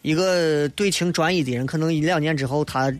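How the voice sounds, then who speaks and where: A man's voice: on the high side, fairly quick, loud music behind the voice. A man with a Shaanxi accent hosting a casual late-night radio show, talking in a blunt, colloquial, philosophizing way as he chats with listeners. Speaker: radio host.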